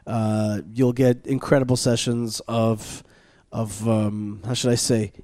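A man's voice: mid-range voice, flat delivery, takes it slowly, mellow, dry recording, studio quality. A man hosting a radio talk show, chatting casually and doing sponsor plugs with many restarts and fillers. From Israel. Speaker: podcast host. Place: studio at a learning center.

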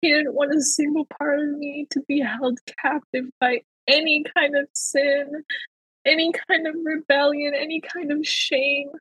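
A woman talking as a podcast guest, sharing a personal faith testimony in an earnest way and slowing down to stress key phrases. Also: sits high, flat delivery, fairly bright tone, no echo, low-quality recording.

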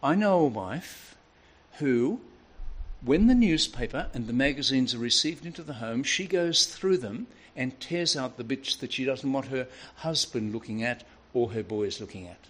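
Older male preacher, mid-range voice, storytelling sermon with lively swings in tone. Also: mid-range voice, normal speed. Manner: storytelling, lively and varied delivery.

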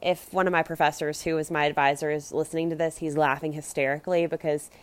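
A deep, fast female voice with little pitch movement and a clean tone, free of room sound. The speaker, a young American podcast host, has a Valley Girl accent and lilting uptalk as she recounts personal stories in a relaxed, confessional manner. She chats conversationally, leaning on fillers like "like" and "you know."

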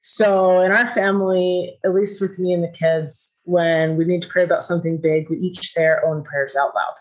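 A woman's voice: fairly low pitch, fairly even intonation, normal speed, rough recording. A middle-aged woman telling a personal story in a casual, chatty way, filling her talk with "like" and "you know" and acting out quoted lines. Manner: acts out quoted dialogue in a raised voice.

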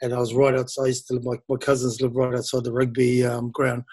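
A man's voice: medium pitch, monotone, fast talker, darkish tone, slightly rough, no echo. A man in his fifties from New Zealand, a former rugby player telling his career story in a rambling interview, full of fillers and restarts.

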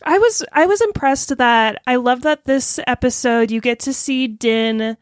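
A woman's voice: high voice, measured pace, no echo, studio quality. A woman co-hosting a casual podcast chat, upbeat, recapping and reacting. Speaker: podcast co-host.

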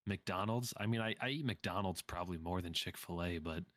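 Male podcast host, casual and slangy, lower register, forward bright tone. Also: a little fast, no echo, studio quality. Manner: slangy, swearing bro-talk. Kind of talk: casual chat.

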